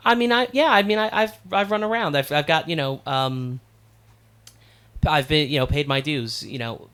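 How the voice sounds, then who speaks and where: A man talking as a guest musician in a casual studio chat, relaxed and rambling with plenty of fillers. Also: on the high side, moderate pace, clear, resonant tone.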